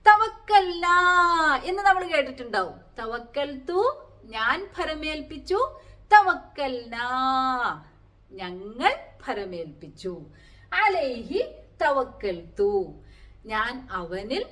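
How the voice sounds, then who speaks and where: A woman teaching the meaning of Quranic prayers word by word, explaining slowly and asking rhetorical questions. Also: sits high, very animated, a bit bright. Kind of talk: Quranic Arabic lesson.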